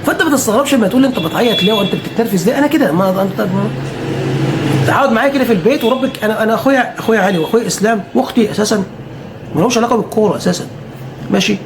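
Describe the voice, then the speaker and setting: Talking casually to the camera, an Egyptian Arabic-accented football fan streamer races along in a high voice against a noisy background. He is repetitive and emphatic, and he swears oaths as he goes.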